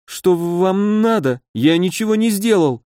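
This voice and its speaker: Terrified weepy teenage boy, way up high, whiny, storybook. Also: expressive, measured pace, warm tone, no room sound, clean studio sound. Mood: tearful. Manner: whiny, tearful, voice breaking high. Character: frightened sobbing teenage boy thief.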